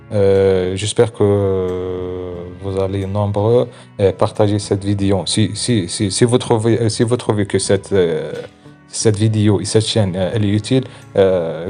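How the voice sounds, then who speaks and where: Low-voiced man teaching haltingly. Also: mellow. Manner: halting, repeats words while searching for phrasing. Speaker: online exam-prep teacher. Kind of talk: informal instructional talk.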